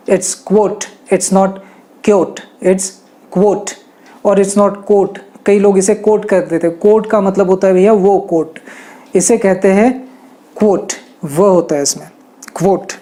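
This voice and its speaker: A man teaching pronunciation, who corrects words by saying them again slowly and deliberately. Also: high-pitched, dark tone. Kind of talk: explaining pronunciation.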